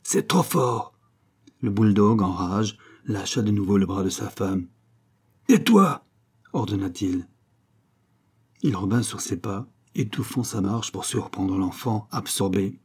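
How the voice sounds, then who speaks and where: A man narrating a short story in a measured, dramatic manner. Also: on the low side, fairly even intonation, darkish tone, breathy edge.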